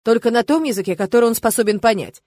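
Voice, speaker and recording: A woman's voice: fairly high pitch, quick pace, a little mellow, dry recording, natural voice. A woman reading aloud and voicing a young nobleman who speaks firmly and patiently to his wife in an audiobook. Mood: firm coaxing. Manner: patient, reproachful, firm. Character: young nobleman, husband, firm but tender.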